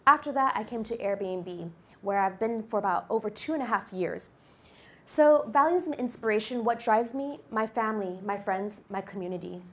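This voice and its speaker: A woman in her forties speaks into a handheld microphone on a lecture hall stage, giving a guest lecture as a company executive. Her voice sits at an ordinary middle pitch. She tells personal anecdotes to the class with an upbeat, storytelling energy. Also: normal speed, a bit bright. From United States. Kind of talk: presentation to a university class.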